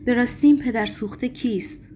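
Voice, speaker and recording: A woman reading a storybook voices a frantic, agitated young male poet who shouts accusations. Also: fairly high pitch, a little hiss or hum, voice pushed up, lightly acted. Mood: puzzled. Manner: raised, urgent, accusing delivery.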